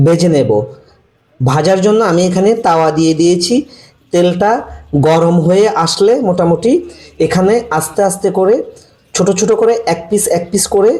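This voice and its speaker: A man giving slow, repetitive step-by-step cooking instructions for a recipe. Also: sits high, a little mellow. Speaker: cooking channel host. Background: frying and sizzling from the pan.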